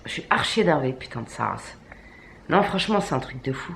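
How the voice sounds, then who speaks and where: A woman's voice: extremely low pitch, animated, a little fast, vocal fry, a little hiss or hum. A woman vlogger telling a storytime rant to camera, indignant, slangy and full of swearing. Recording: echoey room.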